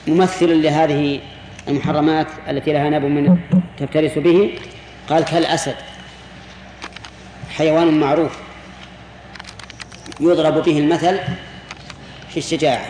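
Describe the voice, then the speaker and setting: A man's voice: on the high side, dark tone. A man, a sheikh giving a classroom lecture on jurisprudence. He explains patiently, repeats key words and puts questions to his students. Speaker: sheikh teaching Islamic jurisprudence. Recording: roomy reverberant hall with faint hiss.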